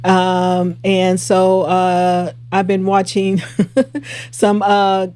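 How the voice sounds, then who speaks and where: A woman's voice: medium pitch, extremely slow. Laid-back woman co-hosting a podcast. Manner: relaxed, laughs often, many fillers. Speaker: podcast co-host. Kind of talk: casual live-stream chat.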